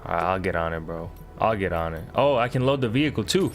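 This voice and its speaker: A low-voiced man gives casual commentary as he plays a game. He thinks aloud in slangy phrases, with music clearly audible behind him. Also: lively intonation, quick pace. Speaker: gaming video host.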